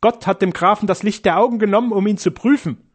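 A man's voice: high-pitched, fast talker, slightly rough, pitched above the performer's own voice. A man reading an audiobook voices a pious, scheming nun, raising his voice into a fervent, indignant tone. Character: pious scheming middle-aged nun, shrill and zealous.

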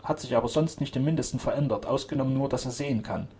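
A man's voice: medium pitch, fast talker, mellow, lightly acted. A man voicing an emotional young noblewoman who pleads and commands with strong feeling. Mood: pleading. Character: tearful young noblewoman, passionate.

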